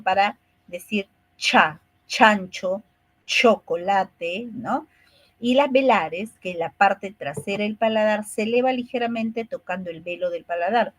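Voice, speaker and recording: A woman's voice: medium pitch, no echo, poor audio. Peruvian woman teaching a class. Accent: Peruvian Spanish. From Peru. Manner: explanatory, checks in with frequent tag questions. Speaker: speech therapy instructor. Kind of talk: online lecture.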